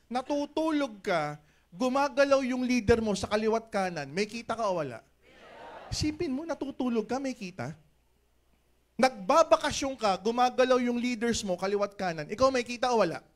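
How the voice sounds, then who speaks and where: Animated high-voiced man rallying an audience. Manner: animated, jokey, swings between loud punchlines and low asides. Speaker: company chairman giving a motivational business talk. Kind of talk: stage motivational speech with audience call-and-response. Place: large event hall with an audience.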